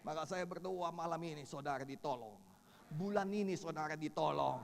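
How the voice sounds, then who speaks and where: A man preaching a sermon as pastor in a large church, shouting at climaxes and joking with the congregation. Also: on the high side, normal speed, vocal fry. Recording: live church hall reverb with music.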